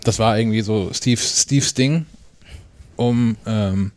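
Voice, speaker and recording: A man's voice: fairly low pitch, takes it slowly, a little mellow, no room sound, clean studio sound. A man co-hosting a casual tech podcast, easygoing and often restarting his sentences. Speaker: podcast co-host.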